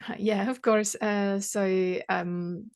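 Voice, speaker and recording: A Czech woman in her thirties, a native Czech speaker who works as a maths tutor, chats casually in an interview about her tutoring. Her medium-pitched, slightly mellow voice keeps a fairly even intonation and a slow pace. She laughs often and fills her speech with fillers and restarts.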